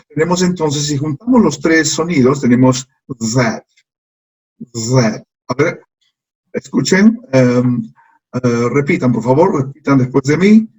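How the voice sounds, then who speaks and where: A man teaching English pronunciation from slides, slow and patient, repeating sounds for learners to copy. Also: mid-range voice, darkish tone, husky, rough recording. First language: Spanish. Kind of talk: slide lesson.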